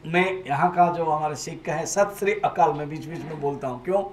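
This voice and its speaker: A man's voice: fairly high pitch, moderate pace, echoey room, slight background noise. A man, a swami, giving a spiritual discourse at a home gathering, asking his listeners questions and mixing English words into Hindi. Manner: questions and prompts the listeners to repeat after him. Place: room in a private residence.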